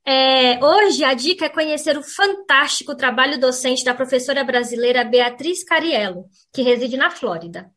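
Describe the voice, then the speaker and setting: A woman teacher on a radio program, clearly and didactically explaining pronunciation and saying example words aloud. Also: sits high, animated, normal speed, hardly any pauses, fairly bright tone. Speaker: language teacher.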